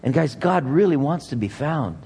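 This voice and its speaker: Higher-voiced male preacher in a reverberant hall. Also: expressive, normal speed, vocal fry, warm tone, breathy edge. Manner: earnest, emphatic, repeats phrases for emphasis. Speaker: pastor. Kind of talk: sermon.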